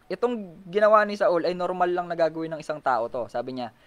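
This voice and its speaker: A man leading an online Bible study sermon, animated, full of rhetorical questions, often clearing his throat. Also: a little high, a little fast. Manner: animated, swinging from loud to soft.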